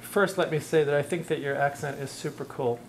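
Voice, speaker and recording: A man's voice: fairly high pitch, steady tone, a little fast, very noisy. A middle-aged man lecturing in a university classroom, answering audience questions in a thoughtful, hedging way with many restarts.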